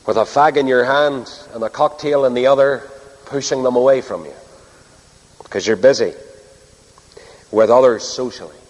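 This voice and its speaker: A middle-aged man with a Northern Irish accent preaching a sermon earnestly, with rhetorical repetition and dramatic pauses. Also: medium pitch, darkish tone. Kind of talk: sermon to a congregation. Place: large hall or church, speaking to a live audience. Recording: long reverb of a large hall.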